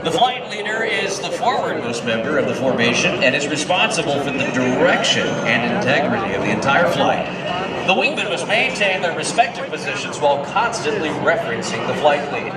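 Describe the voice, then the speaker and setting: A man's voice: a little high, sing-song, fairly quick. A man working as an airshow commentator, addressing the crowd in a showmanlike announcer's style. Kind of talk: airshow commentary over a public address system. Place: outdoor airshow, heard over loudspeakers with music behind. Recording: echoey outdoor loudspeaker from far off, loud music.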